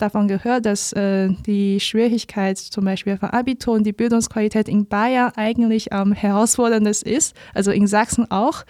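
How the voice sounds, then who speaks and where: A woman's voice: mid-range voice, warm tone, no echo. A woman in her twenties from China, a native Chinese speaker with a Chinese accent, telling her story as a guest in a studio interview, careful and with many fillers. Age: 20s. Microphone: studio mic.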